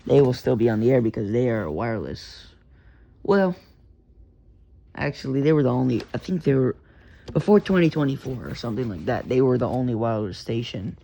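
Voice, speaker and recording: At home in his bedroom, a Texan-accented radio hobbyist rambles about his radios, cursing now and then and interrupting himself. His mid-range voice is darkish with vocal fry, on a noisy, lo-fi home recording.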